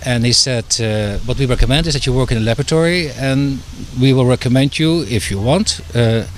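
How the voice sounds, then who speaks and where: A man's voice: mid-range voice, brisk. Hesitant man, faint background hiss. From Netherlands. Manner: hesitant, many fillers and restarts. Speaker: guest, author and doctor. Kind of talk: interview.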